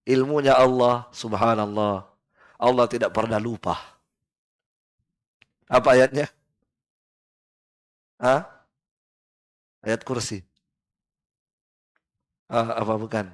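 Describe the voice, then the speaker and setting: A man teaching Quran exegesis in a live study class in a prayer room, lively and rhetorical, keeps asking his listeners why and then answering himself, with Arabic verses recited in a slow chant. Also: mid-range voice, no echo.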